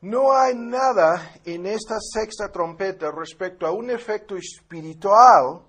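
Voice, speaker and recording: A man teaching a Bible class, explaining at a relaxed pace with tag questions and fillers, and reading scripture aloud before commenting on it. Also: sits high, measured pace, breathy edge.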